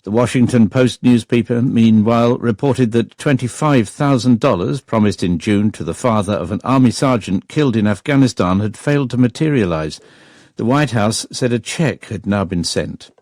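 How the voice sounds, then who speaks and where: A man reading a news bulletin in a measured, formal delivery. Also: medium pitch, a little mellow, no room sound, studio quality. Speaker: newsreader. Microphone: studio microphone.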